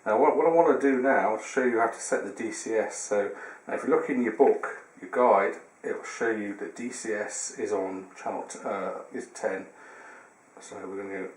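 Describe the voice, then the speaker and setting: A product demonstrator gives an informal, hands-on tutorial, explaining each step in a slightly hesitant way. His voice is lowish and his pace moderate. The recording has a roomy echo with background hiss.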